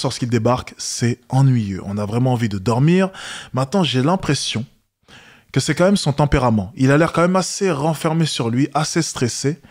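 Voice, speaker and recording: A man's voice: medium pitch, a little mellow. Man giving coaching commentary. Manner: coaching tone, addressing viewers directly. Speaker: host reacting to a video. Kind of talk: reaction commentary.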